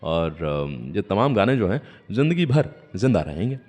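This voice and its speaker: A radio host tells stories between songs in a conversational way, acting out the dialogue he quotes. His low-pitched voice is sing-song and a little mellow at normal speed, with long reverb and faint music behind him.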